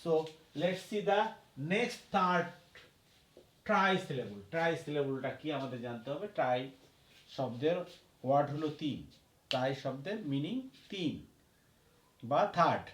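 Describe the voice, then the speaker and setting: A man teaching a grammar lesson at a board. He talks slowly, repeats each point and spells words out letter by letter. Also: on the high side, animated, fairly bright tone, reverberant, slight background noise. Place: classroom.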